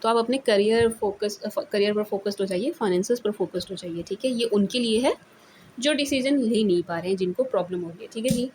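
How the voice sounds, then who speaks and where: A woman's voice: mid-range voice, fairly quick, a little mellow, slight background noise. A woman with an Indian accent giving a casual, chatty tarot reading, mixing English words into her talk and often checking in with her listeners. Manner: chatty, mixes English into Hindi, repeats "theek hai ji". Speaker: tarot reader.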